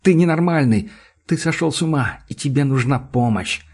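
A man voicing a stern male doctor with icy sarcasm who turns to angry shouting, in an audiobook reading. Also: fairly high pitch, normal speed, natural voice.

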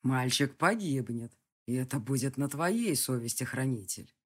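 An audiobook reader voicing a calm, menacing male villain who speaks slowly and coldly. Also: mid-range voice, slightly rough, voice pushed down. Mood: cold threat. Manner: slow, measured, cold. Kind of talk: audiobook character voice.

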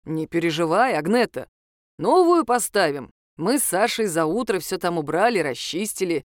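A woman doing an older grandfather in an audiobook, soft and fond. He chides a little but stays gentle, and his voice moves up and down with life. The sound is dry and close, with no room around it. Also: lowish voice, sing-song, moderate pace, no room sound. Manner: gentle, mildly scolding. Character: older grandfather, kindly, embarrassed. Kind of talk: audiobook character voice.

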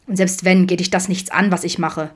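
A woman voicing an irritable, defensive young male camp counselor who snaps gruffly and loudly in a storybook reading. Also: on the low side, fairly even intonation, fairly quick, natural voice. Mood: snapping.

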